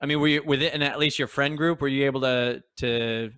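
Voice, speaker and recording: A man co-hosting a podcast, asking the guest questions in a halting way with frequent restarts. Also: medium pitch, fairly even intonation, bright, forceful tone, smooth, no echo, studio quality. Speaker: podcast co-host. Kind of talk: interview questions.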